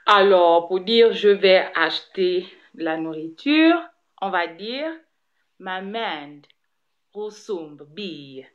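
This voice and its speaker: A woman's voice: fairly low pitch, animated, slow pace, highs cut off. A woman teaching her daughter words in a casual lesson, patiently correcting pronunciation and praising her. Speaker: teacher, the learner's mother.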